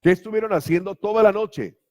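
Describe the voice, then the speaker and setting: A man's voice: high-pitched, brisk. A man preaching a sermon as pastor, emphatic and full of rhetorical questions. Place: church.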